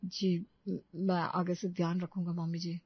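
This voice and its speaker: A woman's voice: on the low side, flat delivery, normal speed, husky, dry recording, highs cut off. A woman voicing a mild-mannered young husband in a cartoon story, speaking in a coaxing, placating tone. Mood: pleading.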